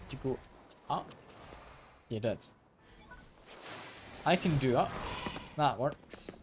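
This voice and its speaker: A man talks his way through a video game in a casual, unhurried way. His mid-pitched voice often drops into self-questioning mutters. Game ambience is clearly audible behind him. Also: animated, noisy background. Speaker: video game streamer narrating own play. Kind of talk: casual gameplay commentary.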